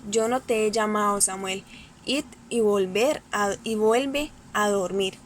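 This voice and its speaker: A woman voicing an elderly male priest, speaking gently, slowly and with repetition. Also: medium pitch, slight background noise, close to an everyday voice. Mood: patient.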